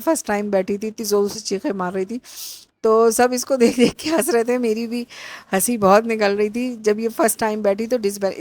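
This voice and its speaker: A woman's voice: fairly high pitch, darkish tone, dry recording. A middle-aged woman narrating a family outing in a casual, rambling vlog with many fillers. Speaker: vlogger.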